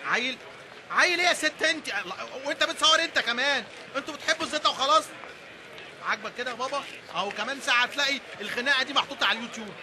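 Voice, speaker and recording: A young man playing a lazy, whiny son with an Egyptian accent, sarcastic and quick with complaints. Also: fairly high pitch, expressive, a crowd in the background, noisy background, natural voice. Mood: pleading. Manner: whiny, sarcastic, fast-talking.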